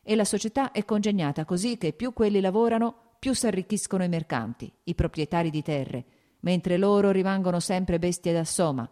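A woman voicing a bitter, ailing man who argues in agitated, shouting outbursts, read as an audiobook character. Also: on the low side, moderate pace, pitched above the performer's own voice, close to an everyday voice. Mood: heated.

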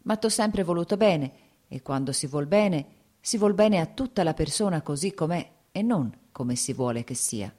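A woman voicing a gentle, cautious married woman. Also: low voice, expressive. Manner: measured, slightly cool.

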